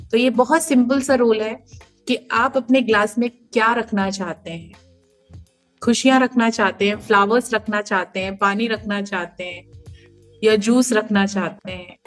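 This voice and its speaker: A woman's voice: mid-range voice, steady tone, unhurried, soft background music. Earnest woman guest giving emphatic advice. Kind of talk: podcast interview answers.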